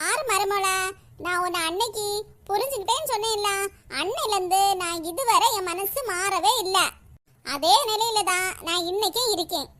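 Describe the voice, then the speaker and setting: A woman's voice: very high voice, animated, fairly quick, pushed and bright, exaggerated voice. A woman voicing a scheming older village mother-in-law in a cartoon, scolding bluntly with a Kanyakumari Tamil accent. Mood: confiding. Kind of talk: cartoon voice acting.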